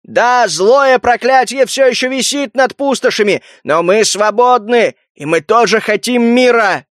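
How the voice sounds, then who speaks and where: A man voicing a clever young mutant who loudly addresses a crowd in an audiobook. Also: extremely high pitch, measured pace, no echo, studio quality, pitched above the performer's own voice. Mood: rousing.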